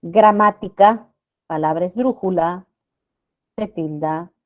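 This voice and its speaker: A woman teaches a grammar class, speaking in a lowish voice that rises and falls expressively. She keeps checking in with her students and stretches key words out slowly to stress them. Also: sing-song, muffled recording. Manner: addresses students with frequent checking questions.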